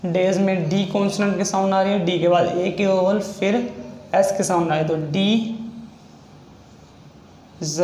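A man's voice: sits high, a little mellow. A man teaching a shorthand lesson, explaining each step over and over. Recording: echoey room with faint noise.

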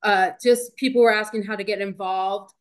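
A woman's voice: medium pitch, fairly even intonation, normal speed. A woman moderating a webinar, casually relaying audience questions from the chat with many fillers.

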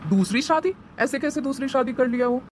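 A woman plays a protective mother in a cartoon. her voice sits low for a woman, and she sounds worried and indignant as she presses with questions. a faint noise hangs behind her. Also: fairly even intonation, fairly quick, lightly acted. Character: caring middle-aged mother, protective.

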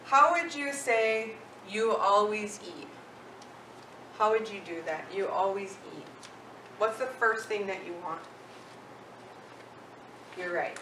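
A woman teaching a language lesson at an unhurried pace, pausing often to ask her learners if they follow. Her voice is picked up from some distance off in an echoey room with a faint hiss of background noise. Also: medium pitch, pushed and bright. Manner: patient, asks questions and checks in with "okay?". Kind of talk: classroom-style language lesson. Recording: roomy, echoey sound from a distant mic.

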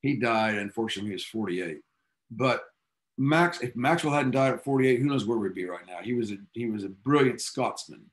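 Speaking briskly and expressively in a mid-range voice, a man teaches physics to his class. The setting sounds like a classroom, and his style is enthusiastic storytelling about the history of science, sprinkled with offhand remarks.

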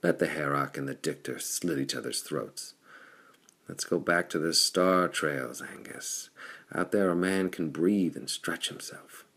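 A man doing a gruff bald pirate brute. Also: measured pace, fairly bright tone, exaggerated voice. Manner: gruff, rumbling, scornful. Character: big bald pirate lieutenant, adult male, gruff and blunt.

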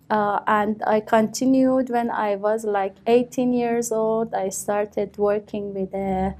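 In a small office, a test candidate works through mock speaking exam answers with plenty of fillers and false starts. She is an Iranian woman in her thirties with an Iranian accent, and her voice is medium in pitch with a somewhat dark tone.

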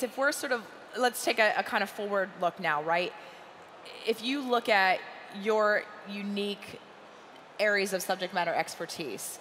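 A woman's voice: mid-range voice, fairly bright tone. A woman moderating a conference panel, conversational and framing questions as she goes. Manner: conversational, searching for words while framing questions. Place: large conference hall stage. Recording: reverberant hall with faint noise.

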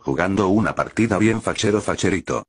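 Deep deadpan man over hiss. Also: brisk. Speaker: compilation narrator. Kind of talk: meme caption narration.

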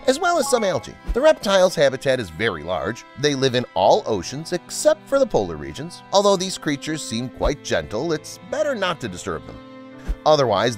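Animated male nature documentary narrator. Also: mid-range voice. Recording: music under the voice. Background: background music.

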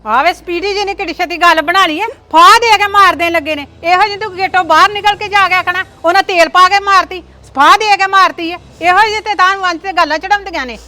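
A mother-in-law, played by an actress, scolds and mocks her visitors. She talks fast in a very high, bright voice and sounds sarcastic throughout. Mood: scolding. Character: sharp-tongued mother-in-law defending her son.

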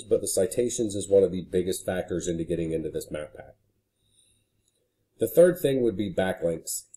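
Male consultant, deep mellow voice, easygoing screen-share walkthrough. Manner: casual and conversational, frequent "you know". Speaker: marketing consultant.

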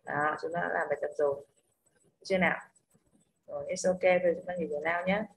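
This English teacher runs an online lesson in a Northern Vietnamese accent, her lowish voice creaky, fast and fairly even in intonation. Pronunciation rules are laid out one step at a time, and she often asks "đúng không?" to check that students follow.

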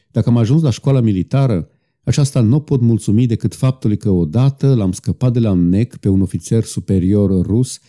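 A man's voice: fairly low pitch, mellow, natural voice. A man voicing a proud, bitter young guard officer who talks sadly and defensively in an audiobook.

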